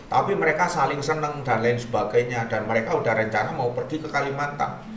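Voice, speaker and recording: Pastor telling a dramatic story. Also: male voice, medium pitch, a little fast. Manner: acts out quoted voices, swinging from loud bursts to soft pleading. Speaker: pastor telling his testimony. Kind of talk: animated storytelling interview. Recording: echoey room, distant mic, faint noise.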